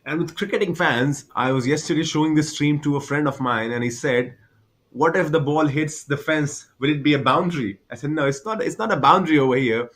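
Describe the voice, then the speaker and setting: A man's voice: a little high, a little fast, a bit bright. A man doing live baseball commentary, chatty and repetitive, explaining the game for cricket fans.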